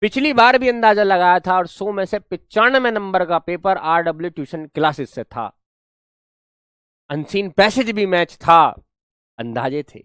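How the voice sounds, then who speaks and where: A man's voice: high voice, expressive, a little slow, fairly bright tone, clear, resonant tone, no echo, clean studio sound. A man teaching an online English class, mixing Hindi and English, spelling words out letter by letter and scolding students playfully. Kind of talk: online class lecture in Hinglish.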